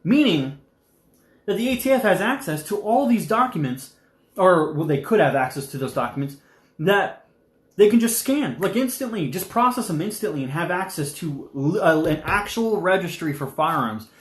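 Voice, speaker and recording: Young man, live-stream host, slightly high voice, rambling, animated, echoey room. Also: moderate pace. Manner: rambling, animated, eating while talking. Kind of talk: casual live-stream chat.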